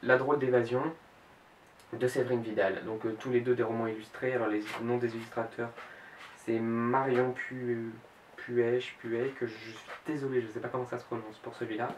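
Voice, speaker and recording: Talking fast and flat in a mid-range voice, a young man in his late teens who runs a book blog chats in a casual vlog about books he wants to read. He sounds hesitant, with many fillers and self-corrections, and the distant mic catches roomy echo and a faint hiss.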